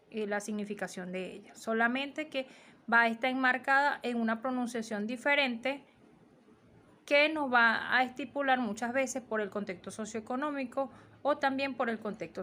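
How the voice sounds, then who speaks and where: A woman's voice: a little high, fairly bright tone. A woman teaching a recorded lesson, explaining steadily with fillers and restarts.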